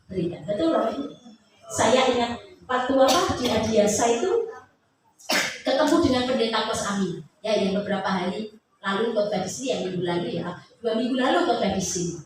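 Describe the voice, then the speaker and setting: A woman preacher, giving a passionate sermon that swings between soft talk and loud, half-sung phrases. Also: on the high side, a little hiss or hum. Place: large church hall. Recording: very echoey church hall, from far off.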